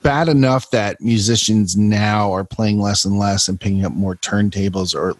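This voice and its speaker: A man with a lowish voice talks with a guest's ease on a casual podcast, in short bursts of thought. The sound is dry and close, with no room around it. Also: fairly even intonation, normal speed, dry recording. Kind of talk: casual chat.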